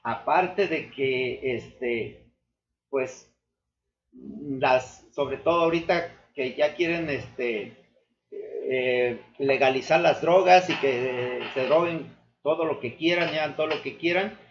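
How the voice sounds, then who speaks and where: A man giving an earnest, sermon-style testimony to his church, addressing the listeners as brothers and often pausing with fillers and restarts. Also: mid-range voice. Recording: echoey room, dull lo-fi sound.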